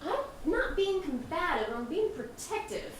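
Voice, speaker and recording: A woman's voice: extremely high pitch, very animated, normal speed. An actress playing an earnest grown daughter, giving a heartfelt speech to her family. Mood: protective. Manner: heartfelt, speechifying, fiercely protective. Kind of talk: film drama dialogue. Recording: roomy distant mic, faint hiss.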